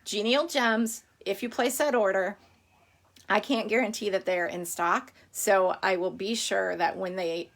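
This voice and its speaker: Middle-aged lady rambling thru a craft livestream, bit of vocal fry, hiccuping, says hi to folks by name. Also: mid-range voice, fairly even intonation, unhurried. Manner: chatty, rambling, greets viewers by name. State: has the hiccups. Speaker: stamping demonstrator hosting a live stream. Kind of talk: casual live-stream craft demo.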